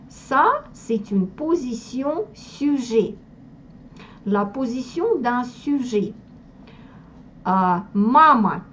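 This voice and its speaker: Very slow Russian-accented woman teacher. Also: a little high, muffled recording, slight background noise. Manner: careful, deliberate, pronouncing sounds one by one. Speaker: language teacher. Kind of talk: slow spoken language lesson.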